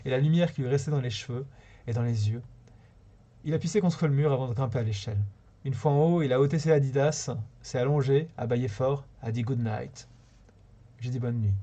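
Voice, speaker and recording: A man reading a short story aloud on a live stream, unhurried, now and then stumbling and rereading a phrase. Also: medium pitch, dark tone. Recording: slightly dull lo-fi sound.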